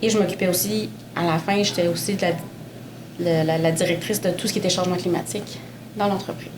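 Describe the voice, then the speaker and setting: A Portuguese-speaking mining executive in her forties tells her career story as a panel guest in a conversational interview, full of fillers and restarts. Her voice is lowish and fast, with fairly even intonation. The room is echoey, with background noise.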